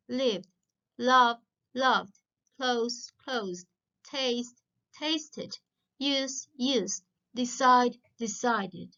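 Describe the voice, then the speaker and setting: A woman teaching English grammar in Spanish, giving clear step-by-step explanations and pronouncing English example words. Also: fairly high pitch, a bit bright, lo-fi sound.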